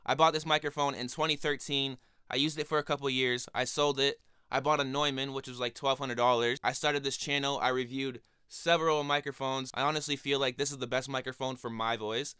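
A relaxed, chatty young man with a cold reviews a microphone for his viewers, speaking a little fast into a studio condenser mic on a stand in his small home studio. The music producer's higher-pitched voice sounds clear and resonant in a dry recording for this casual product review vlog.

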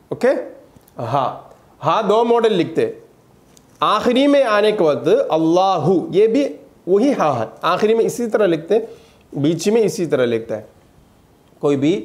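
Slow, patient male Quran teacher. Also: fairly high pitch, a little mellow. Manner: patient, repeats each letter sound several times. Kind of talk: slow beginner lesson with demonstrated sounds.

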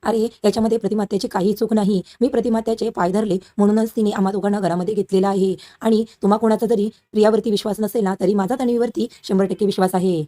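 A woman's voice: medium pitch, steady tone, fast talker, hardly any pauses, warm tone, close to an everyday voice. A woman voicing an earnest young man pleading on his wife's behalf in a soap recap.

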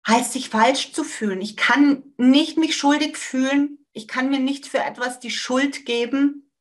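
A woman giving a motivational coaching talk to her audience. She speaks emphatically, repeats phrases, and lets sentence ends trail off quietly. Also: fairly high pitch. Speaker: manifestation coach.

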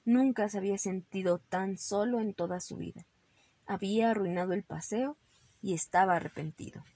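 A woman narrating a children's storybook calmly, ending on a moral. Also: mid-range voice, normal speed.

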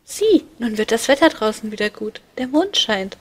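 A woman voicing a mischievous little boy, the love god Amor with his bow, in a high, loud, teasing voice for a read-aloud fairy tale. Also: very animated, moderate pace, husky. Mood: cheeky. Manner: boastful, teasing.

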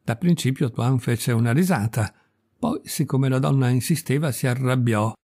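A man narrating a short story in a lively, expressive reading voice. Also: mid-range voice, normal speed.

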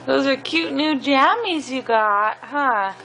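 A young mother speaks in a high, bright voice, drawing out each word slowly as she coaxes her little ones to repeat after her. Her talk is sing-song baby talk, now and then breaking into playful animal noises. A faint background hiss sits under the voice. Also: expressive, creaky, poor audio. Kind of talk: coaxing toddlers to repeat words at home.

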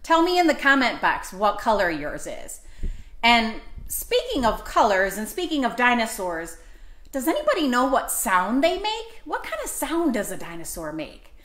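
A woman hosts a children's storytime indoors, seated with picture books on her lap and filmed by a camera in front of her. Her fairly high, very animated voice has a fairly bright tone and normal speed as she reads aloud and coaxes the kids to join in, all in an echoey room.

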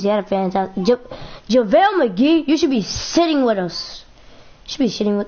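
A young woman talks casually over a basketball video game, repeating herself and playfully complaining as she goes. Her voice sits a little high, and the audio is slightly muffled. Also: slight background noise. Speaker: gaming YouTuber. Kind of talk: casual gameplay commentary.

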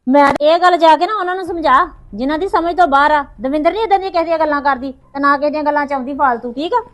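A woman's voice: high voice, rapid-fire, a bit bright. A woman playing a defensive young daughter-in-law who complains and explains herself in a rush. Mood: complaining.

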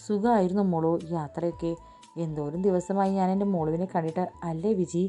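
A woman reading a doting middle-aged father who fusses over his daughter. The voice is low, warm and fond. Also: steady tone, a little fast, faint music behind, lightly acted.

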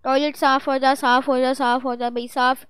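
High, jittery woman gamer. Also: normal speed, clear, resonant tone, no echo. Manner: excitable, jittery, loud exclamations. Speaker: gaming vlogger. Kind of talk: Roblox horror gameplay commentary.

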